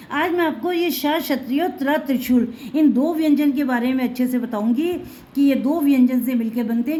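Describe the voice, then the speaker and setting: A woman's voice: sits high, a little mellow, a little hiss or hum. A woman teaching Hindi letters to children, patiently repeating each sound and mixing in words.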